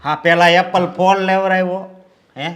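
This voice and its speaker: A man's voice: high voice, fairly even intonation, a little slow, fairly bright tone, slight background noise. A man acting as a worn-out husband who grumbles and hesitates. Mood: weary. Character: weary husband worn out by his wife's demands.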